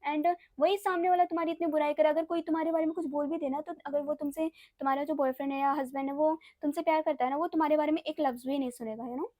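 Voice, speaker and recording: A woman's voice: high voice, fairly even intonation, fast talker, few pauses, warm tone, no room sound. A young woman vlogger chatting casually through a personal story, slipping English phrases and fillers into her Hindi.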